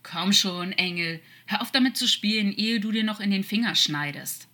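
A woman's voice: low-pitched, completely flat delivery, normal speed, bright, forceful tone, slightly rough, full character voice. A woman voicing a hurt, sarcastic male demon who hisses, pleads and jokes through his worry, in an audiobook fan-fiction reading. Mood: pleading. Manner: hissing, pleading, forced joking.

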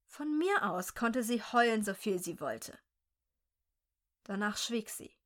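A woman reading a dark first-person story aloud in a slow, measured, quietly tense way. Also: medium pitch, expressive.

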